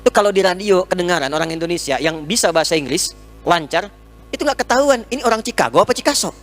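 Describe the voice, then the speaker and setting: A man with a strikingly high voice delivers a humorous sermon into a microphone, joking and teaching through everyday examples. Faint music plays underneath his lively talk. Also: fast talker. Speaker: Islamic preacher. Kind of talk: humorous sermon lecture with questions and answers. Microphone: speaking into a microphone.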